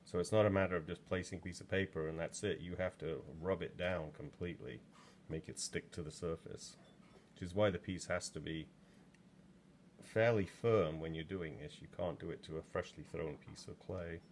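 An Englishman in his sixties rambles through a casual demo in his pottery studio, full of ums, captured by a camera just over his shoulder. His voice sits low and a little mellow, steady in tone and moderate in pace, with slight background noise.

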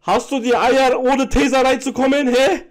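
Casting: a man voicing a cocky, foul-mouthed suspect in a game role-play, high-pitched, loud and taunting. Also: full character voice. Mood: protesting. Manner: loud, taunting, swears and insults constantly. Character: brash hot-headed young man, arrested suspect. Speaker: role-player.

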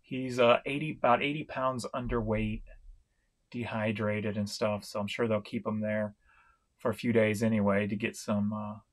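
Indoors in a room at home, a middle-aged man from St. Louis, Missouri, gives a casual vlog update on his online reselling. He talks slowly and ramblingly, with many fillers and restarts, in a fairly low voice with a level tone.

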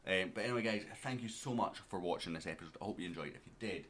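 A man with a low, deep voice commentates a management game in an easy let's-play style. He chats directly to his audience and to the players on screen in a relaxed, conversational way. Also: very fast, slight background noise. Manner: chatty, talks straight to viewers and to his players. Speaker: gaming YouTuber.

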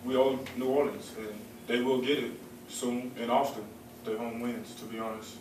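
A man's voice: medium pitch, level tone, moderate pace. A young man in his twenties answering press conference questions in a laid-back way, saying "man" often. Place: large echoey press room. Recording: echoey room, distant mic, background noise.

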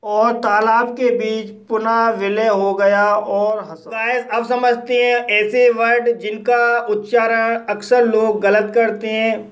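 A man teaching an English story word by word, giving each word's meaning in a slow, deliberate dictating manner. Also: high voice, little pitch movement. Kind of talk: slow word-by-word translation lesson.

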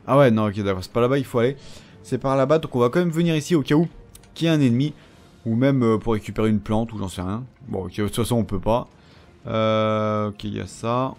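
A man's voice: medium pitch, fast talker, darkish tone, soft background music. A man giving casual commentary over his own gameplay, chatty and teasing the enemies he fights. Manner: chatty, taunts enemies, frequent fillers. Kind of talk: casual let's-play commentary.

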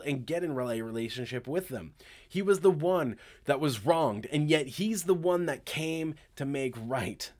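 A man preaching a sermon as pastor, speaking directly and conversationally and often checking in with the congregation. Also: mid-range voice.

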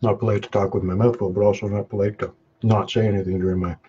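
A man's voice: level tone, fast talker, mellow. A man casually chatting on a live webcam stream while eating spicy pizza, humming and chewing between short remarks, sweating from the peppers. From Canada. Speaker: hot sauce vlogger. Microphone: webcam mic. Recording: dull low-fi webcam audio with faint noise.

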